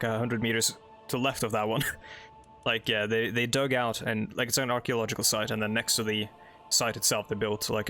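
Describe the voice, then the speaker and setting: A young man with a Norwegian accent and a lowish, sharp-toned voice commentates his gameplay in English, which isn't his native tongue. His rambling talk is thick with fillers and offhand comments as he reads on-screen text.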